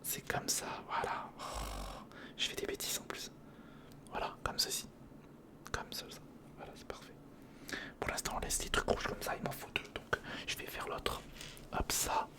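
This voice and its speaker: An ASMR video creator and host whispers informal commentary straight to the viewer while building, in short step-by-step remarks. The pace is moderate and she pauses often.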